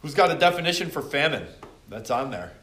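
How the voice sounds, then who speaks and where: A man's voice: fairly high pitch, sing-song, brisk, a bit bright. A middle-aged man teacher running a joking review quiz with his class, calling on students by name. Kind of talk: casual classroom review chat. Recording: echoey classroom with faint noise.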